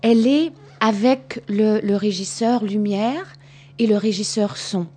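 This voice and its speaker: Speaking at a measured pace in a medium-pitched, warm voice with a breathy edge, this Canadian stage actress responds to children after a show. She explains her theatre work patiently, repeating words for emphasis.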